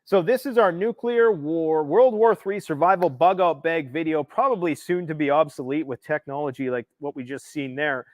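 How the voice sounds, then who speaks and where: A man's voice: on the high side, normal speed, hardly any pauses, no room sound. A Canadian man hosting a political livestream, ranting emphatically and sarcastically about world events. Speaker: livestream host.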